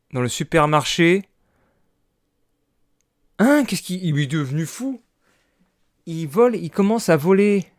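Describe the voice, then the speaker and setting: Excitable high-voiced gamer man. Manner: excitable, reads game text aloud, swears, slips into English. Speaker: let's play gamer. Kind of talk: casual gameplay commentary.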